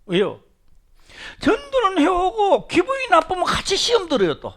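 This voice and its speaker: A middle-aged male pastor with a Gyeongsang Korean accent preaching a sermon, moving between loud exclamations and low, hushed asides. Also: huge pitch swings, normal speed.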